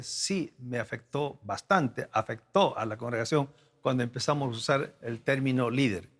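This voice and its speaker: A male pastor from South America preaching at a leadership forum, teaching slowly with repeated key phrases and rhetorical questions. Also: mid-range voice, vocal fry. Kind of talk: sermon. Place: church or conference hall.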